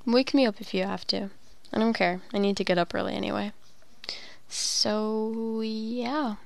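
A young woman leaving a rambling late-night voicemail, often whispering softly and filling pauses with ums. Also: medium pitch, fairly even intonation, gravelly, no echo. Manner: soft whispering, rambling with many fillers. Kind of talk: casual, intimate phone message.

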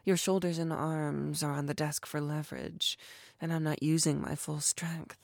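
A woman's voice: sits low, flat delivery, normal speed, vocal fry, darkish tone, no echo. A woman voicing a dominant, teasing female creature in humanoid form, speaking in a sultry, commanding way and often whispering close to the mic. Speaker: voice actor. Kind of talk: intimate audio roleplay.

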